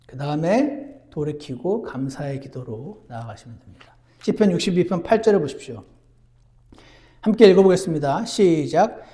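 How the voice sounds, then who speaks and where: A man preaching a sermon as pastor, earnest, moving between emphatic lines and hushed ones. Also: fairly high pitch, animated, moderate pace. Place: church.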